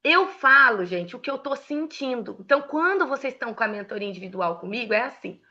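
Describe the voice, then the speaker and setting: Bright-voiced Brazilian woman, emotional storyteller. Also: on the high side, brisk, highs cut off. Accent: Brazilian Portuguese. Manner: emotional and expressive, laughs often. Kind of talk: casual mentoring talk with personal stories.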